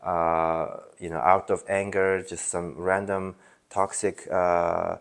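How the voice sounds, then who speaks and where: A man's voice: deep voice, level tone, takes it slowly, vocal fry, clear, resonant tone. A young man with a mixed Polish and Mongolian accent, talking casually and hesitantly to camera as a self-help video host, with many fillers and restarts. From Poland. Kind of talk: casual unscripted monologue.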